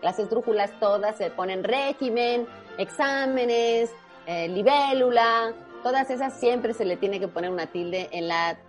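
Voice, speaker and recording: A woman's voice: fairly high pitch, a little slow, soft background music. A woman from Spain who patiently explains spelling rules step by step in a casual chat. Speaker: spelling quiz guest expert.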